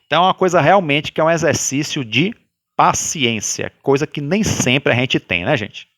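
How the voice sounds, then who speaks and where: A man with a Brazilian Portuguese accent leading a guided religious study, talking loudly by habit and often checking in with his listeners. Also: on the high side, normal speed, no echo. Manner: animated, sways between loud and soft. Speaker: study group leader.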